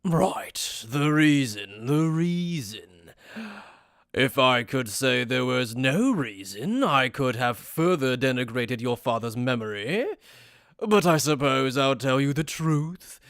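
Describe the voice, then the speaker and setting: A man's voice: mid-range voice, expressive, slow pace, fairly bright tone, clean tone, no echo, studio quality. A man playing a smug, sadistic aristocratic death god, with mocking, overacted anime-dub theatrics. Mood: smug, cruel. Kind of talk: anime fan-dub character acting.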